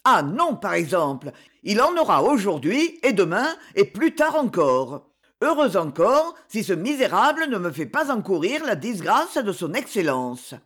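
A stern little man of a father barks threats and scolds his son, voiced by a woman reader. His loud, gruff lines rise and fall in an animated storybook telling. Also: medium pitch, measured pace. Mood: angry scolding. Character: stern, stocky middle-aged gamekeeper father, threatening.

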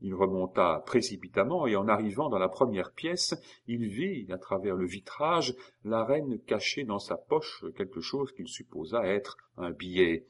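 A man narrating a classic novel as an audiobook, in a measured storytelling manner. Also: on the low side, animated, breathy edge.

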